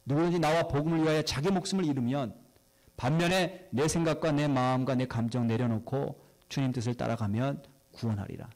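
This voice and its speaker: A male pastor preaching a sermon, who asks the congregation questions and answers them himself and slows down to stress key words. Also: a little high, darkish tone.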